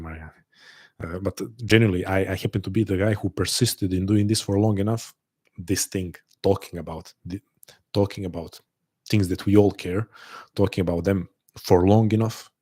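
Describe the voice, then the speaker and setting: A man's voice: deep voice, darkish tone. A man hosting a live online call, talking in a thoughtful, earnest way and often repeating words and restarting phrases as he thinks aloud. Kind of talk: reflective live talk to an audience.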